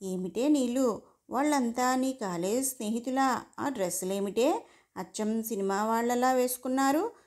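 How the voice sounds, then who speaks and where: A woman's voice: a little high, darkish tone, natural voice. A woman voicing a strict scolding grandmother. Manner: slow, nagging lectures.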